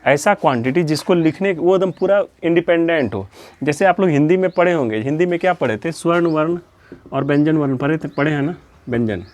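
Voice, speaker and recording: A man's voice: fairly high pitch, fairly quick. A man teaching a physics lesson in a lecture style, asking questions and answering them himself, repeating key terms as a drill. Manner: steady, explanatory, drills terms.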